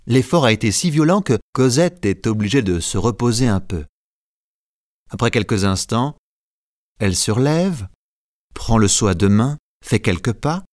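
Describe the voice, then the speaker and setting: A man narrating an audiobook in a calm, measured reading style, recorded close on a studio mic. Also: mid-range voice, no echo.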